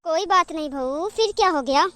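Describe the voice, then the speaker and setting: Woman voicing a gentle, high cartoon mother-in-law. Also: moderate pace, no echo. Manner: gentle, soothing. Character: kind older mother-in-law, gentle and forgiving. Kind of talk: cartoon voice acting.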